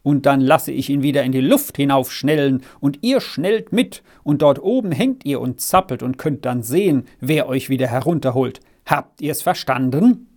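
A man's voice: medium pitch, moderate pace, few pauses, a little mellow, lightly acted. A man voicing a fierce farm boy who grimly threatens his little brothers. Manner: grim, threatening.

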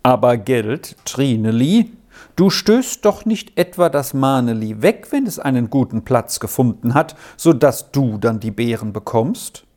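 An earnest old grandmother from a storybook, speaking softly and thoughtfully as she admonishes, put on by a reader. Her voice moves lively in pitch, but she never hurries. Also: lightly acted. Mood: gentle, admonishing. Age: over 60. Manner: soft, admonishing, slow and thoughtful. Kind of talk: storybook reading.

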